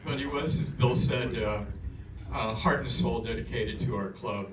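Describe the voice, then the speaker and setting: An older man giving an anecdotal talk at a club gathering, chuckling and halting with fillers. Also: mid-range voice. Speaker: club speaker. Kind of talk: anecdotal after-dinner talk. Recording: echoey hall, distant mic, background noise.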